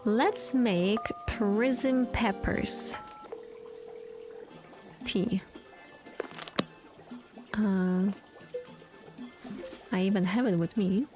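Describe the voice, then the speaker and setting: Woman streamer, casual playful chat during a cozy game, unhurried pace, music bed. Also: medium pitch. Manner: playful, chatty, reads lines aloud. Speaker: gaming streamer. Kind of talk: casual gameplay commentary.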